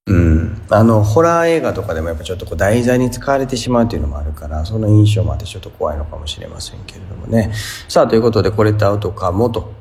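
A man's voice: lowish voice, lively intonation, fast, darkish tone, a little hiss or hum. A man with a Kansai accent hosting a casual radio show, reading listener letters aloud and answering them with amused, playful retorts.

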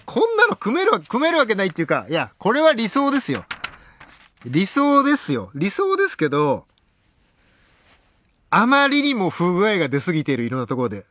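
A middle-aged man hosting a late-night radio show, excitable, jumping between loud exclamations and low muttered asides, on a close studio mic. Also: a little hiss or hum.

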